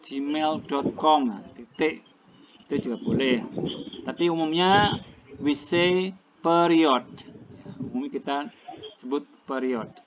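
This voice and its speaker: Guy teaching a class, slightly high voice, says everything twice, muffled lo-fi recording w/ noise behind. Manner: explains slowly, repeats each point in translation. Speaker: English teacher. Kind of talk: classroom lecture, mixing languages.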